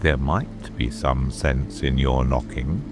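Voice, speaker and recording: A man playing a solemn, stolid, dim frog footman with drawn-out speech in a storybook dramatic reading. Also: a bass voice, music in the background. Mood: stolid, unbothered. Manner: slow, drawn-out, solemn delivery.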